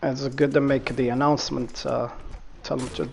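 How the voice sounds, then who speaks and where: A man's voice: mid-range voice, flat delivery, moderate pace, creaky, a little hiss or hum. A man live-streaming and chatting on voice chat, hesitant and stumbling over words.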